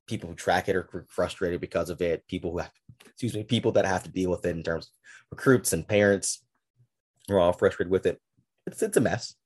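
A man's voice: sits low, a little fast, darkish tone, husky. A man hosting a casual sports podcast, talking loosely and sarcastically, with frequent restarts. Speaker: podcast host. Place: at home with a game on TV.

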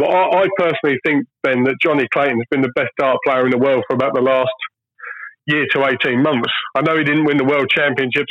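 A man's voice: medium pitch, no echo. A man talking as a guest in an earnest, emphatic way and stressing his points by saying them twice. His voice comes over a dull, muffled lo-fi line. The sound is dry, with no room around it. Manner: earnest, emphatic, repeats key phrases. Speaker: guest, former professional darts player. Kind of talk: casual phone-in chat.

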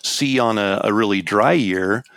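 A man with a gravelly, creaky voice on the low side, recorded dry. He gives casual outdoors advice, thoughtfully piecing it together as he talks. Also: a little slow, a bit bright, no echo. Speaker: elk hunting expert.

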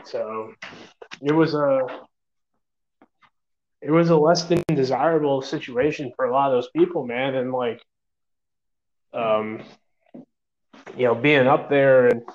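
A man's voice: mid-range voice, unhurried, long pauses, slight background noise. A man from New York, an EMS medic talking in a casual interview, rambling with lots of fillers, swearing, and calling the listener "man". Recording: dull lo-fi recording.

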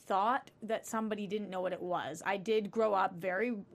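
Young woman with a gravelly fry. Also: mid-range voice, fairly even intonation. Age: young adult. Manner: chatty, emphatic and quick to gush. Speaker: co-host. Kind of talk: casual panel chat.

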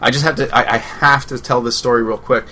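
A man's voice: medium pitch, steady tone, fast, pushed and bright, slight background noise. A man co-hosting a radio show, casually telling a rambling story full of fillers and swearing.

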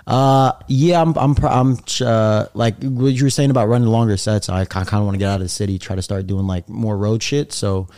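A man's voice: lowish voice, fairly even intonation, a little fast, hardly any pauses, warm tone. A young man chatting casually as a podcast guest, with slangy, laid-back frat bro talk full of "dude" and "like". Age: young adult. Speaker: guest stand-up comedian on a podcast.

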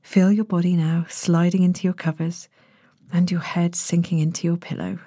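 A woman narrating a sleep story as a guided relaxation, in a gentle, hushed and breathy manner with long pauses. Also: on the low side, flat delivery, no room sound, studio quality. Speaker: podcast host, sleep meditation narrator.

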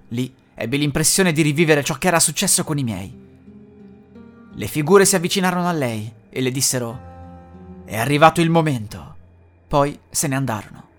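A man reading a first-person horror story as a scripted narration, slowing down and dropping low and hushed on the dark lines. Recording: music bed under the voice.

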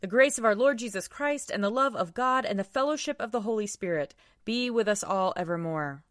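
A woman officiant reciting liturgical prayers in measured, solemn phrases. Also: mid-range voice, a bit bright, no room sound, clean studio sound. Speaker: officiant leading morning prayer.

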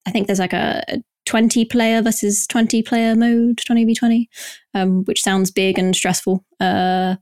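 A woman's voice: medium pitch, steady tone, normal speed, a little mellow, smooth, dry recording. Young woman, casual podcast chat, giggly, filler-heavy, dry close mic. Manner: chatty, giggly, lots of fillers. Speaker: news segment presenter.

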